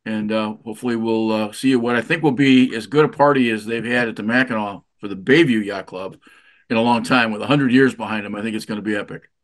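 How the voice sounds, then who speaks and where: A man's voice: on the low side, fast. A man hosting a sailing show, chatting casually with guests at a marina and often repeating words as he thinks. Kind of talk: casual interview.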